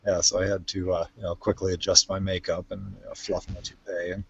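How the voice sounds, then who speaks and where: Husky, low-voiced man rambling on a stream. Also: level tone, highs cut off. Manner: rambling, halting, many restarts and fillers. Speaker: stream co-host. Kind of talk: casual chat. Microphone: home computer mic.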